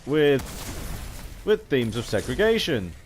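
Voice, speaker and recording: A British man rambles through video game commentary, halting and frequently repeating or rephrasing himself. His mid-range voice is very animated, with a slight hiss or hum in the recording.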